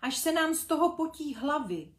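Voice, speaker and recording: An excitable little boy bumblebee calls out in a high, shouty voice, as a woman reads him aloud. He is eager and restless. The room around him rings with echo. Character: young boy bumblebee Brunda, loud and excitable. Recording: echoey room.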